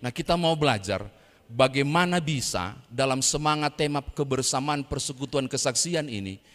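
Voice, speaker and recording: A man's voice: medium pitch, moderate pace. Humorous male pastor preaching. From Indonesia. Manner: humorous storytelling, lively and animated. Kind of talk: sermon. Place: church sanctuary. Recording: echoey church hall.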